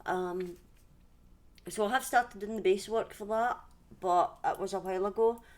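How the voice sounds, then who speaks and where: Medium pitch, normal speed: this Scottish-accented woman is a livestream host and storyteller speaking indoors at home. Her manner is casual, rambling and conversational, with constant self-interruptions and restarted sentences.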